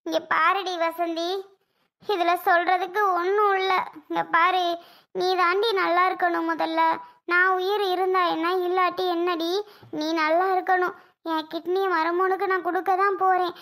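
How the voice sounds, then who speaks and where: A woman's voice: very high voice, little pitch movement, normal speed, fairly bright tone. A woman voicing a stubborn elderly mother in a cartoon, talking in a firm, insistent way. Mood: tender. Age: older. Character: stubborn elderly mother giving her kidney. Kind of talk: cartoon voice acting.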